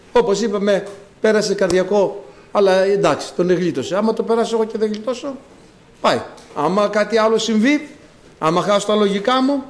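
A middle-aged man preaching a sermon, acting out quoted voices and swinging from loud to hushed. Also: sits high.

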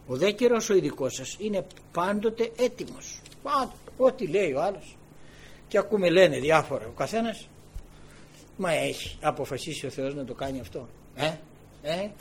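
A man preaching a sermon, firing rhetorical questions and swinging from low murmurs to loud exclaiming. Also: slight background noise.

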